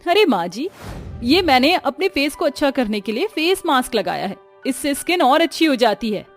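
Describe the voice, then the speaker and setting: Woman doing a young cartoon bahu, patient but fed up, pleading, soft music behind. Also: sits high, sing-song, normal speed, voice pushed up. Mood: pleading, exasperated. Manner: pleading, scolding tone. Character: patient, sensible young daughter-in-law.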